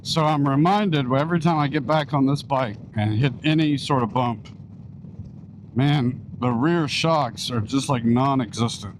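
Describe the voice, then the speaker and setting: A man rides a motorcycle on country back roads and chats casually for his vlog in a mid-range voice, a little slow. Recorded by a microphone inside his helmet, his voice sounds enclosed amid wind and engine noise.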